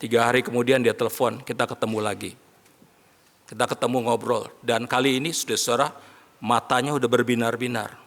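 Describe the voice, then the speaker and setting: A man preaching a sermon as pastor, animated, often rising to shouts as he addresses the congregation. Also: medium pitch, brisk. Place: large worship hall. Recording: long hall reverb.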